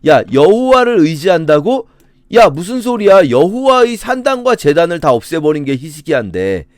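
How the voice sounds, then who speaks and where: A preacher acting out a brash male enemy general who taunts and sneers at his foes. The voice rides higher and louder than his own talk, with a harsh, jeering swing. The sound is close and dry, with no room around it. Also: expressive, moderate pace, no echo, close to an everyday voice. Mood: taunting. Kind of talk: sermon with acted quotes.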